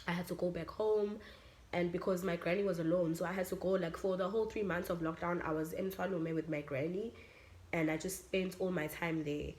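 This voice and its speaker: A woman's voice: fairly low pitch, fairly quick. A young South African woman telling a personal story in a casual vlog, acting out what people said and slipping in Zulu phrases. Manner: animated, acts out quotes, mixes in Zulu phrases. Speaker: vlogger.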